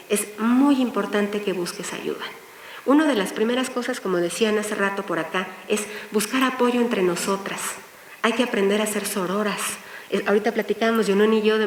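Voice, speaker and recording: A woman speaking at a women's forum, addressing a live audience and guiding them through a visualization exercise. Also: mid-range voice. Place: hall with an audience. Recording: echoey hall, far from the mic, faint hiss.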